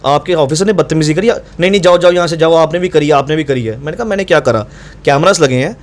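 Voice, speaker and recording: Brief: young adult man, rapid and insistent account, voice on the higher side, reenacts the argument. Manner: fast, insistent, reenacts dialogue. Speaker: doctor recounting incident to reporter. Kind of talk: animated first-person account.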